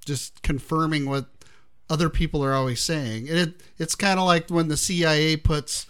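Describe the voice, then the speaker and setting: A man hosting a casual talk show, relaxed, laughing easily and steering to new topics. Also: on the high side, moderate pace, clean tone. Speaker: podcast host.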